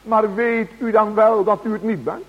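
A man preaching a sermon to his congregation, slow and solemn, with emphatic cries. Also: high-pitched, steady tone. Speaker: pastor. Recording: dull radio broadcast in a large hall.

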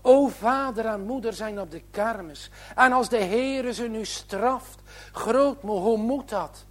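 A man's voice: sits high, takes it slowly, pitched above the performer's own voice. A man voicing a frightened, pious six-year-old boy who pleads anxiously and tearfully. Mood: pleading.

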